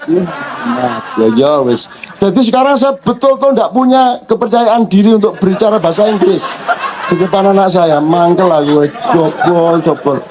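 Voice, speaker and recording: Animated high-voiced man with Javanese accent. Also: moderate pace, muffled recording, a crowd in the background, noisy background. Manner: animated storytelling, mixing in Javanese words; jokes and mimics others. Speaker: speaker addressing an audience. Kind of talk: informal religious-cultural talk.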